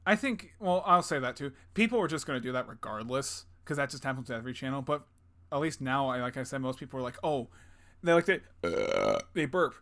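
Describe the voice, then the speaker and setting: A man's voice: mid-range voice, quick pace, a bit bright. A young man co-hosting a podcast in casual chat, rambling, swearing casually and laughing often. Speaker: podcast co-host.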